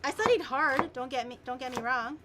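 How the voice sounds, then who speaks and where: A woman's voice: sits high, a little fast, heavy background noise. A woman hosting a casual cooking live stream, chatting in a playful, teasing way and swearing casually.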